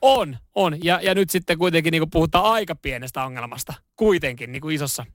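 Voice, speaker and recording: A man co-hosting a radio show, telling stories in casual chat with lots of fillers and laughter. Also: on the high side. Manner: chatty, laughing storyteller with many fillers. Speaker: radio co-host.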